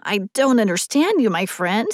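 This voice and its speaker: Woman reader doing a newborn snowman: high, lively, wide-eyed and curious. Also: moderate pace, no room sound, studio quality. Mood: puzzled. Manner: wondering, eager questions. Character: naive newly made male snowman, curious.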